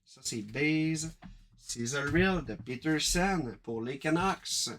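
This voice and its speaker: A man with a Quebec French accent hosting a live card-break stream, chatting briskly and calling out each card as he opens packs. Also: a little high, expressive, a bit bright, a little hiss or hum.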